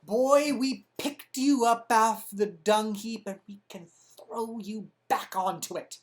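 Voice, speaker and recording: Gruff old Italian man, a domineering doge put on by a woman narrator, blunt, loud and commanding. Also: fairly high pitch, slow. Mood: menacing.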